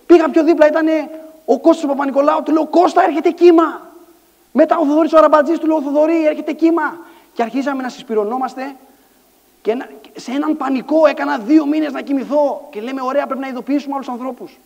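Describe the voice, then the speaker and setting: Male conference speaker, high voice, lively storyteller, hall reverb. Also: creaky, highs cut off. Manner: animated storytelling, acts out dialogue, shouts lines. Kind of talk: motivational stage talk. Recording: echoey hall sound.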